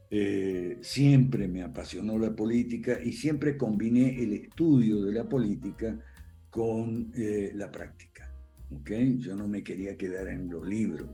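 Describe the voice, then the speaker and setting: An older Argentine man with a low, dark-toned voice and an Argentine Spanish accent gives a conversational virtual lecture. He chuckles as he talks and often tags his sentences with "eh" and "¿ok?".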